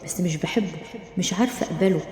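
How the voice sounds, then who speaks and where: A woman's voice: on the low side, quick pace, a little mellow, close to an everyday voice. Tearful young wife, read by a woman, Egyptian accent, pleading, reverberant room. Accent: Egyptian Arabic. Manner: pleading, weepy. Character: frightened tearful young wife, unhappy in marriage. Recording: roomy, long reverb.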